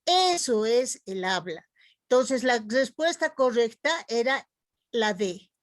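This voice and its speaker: A woman teaching a class, explaining slowly and warmly addressing her students as young ones. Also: a little high, animated, no echo, clean studio sound. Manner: slow, explanatory, calls students "jovencitos". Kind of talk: online class lecture.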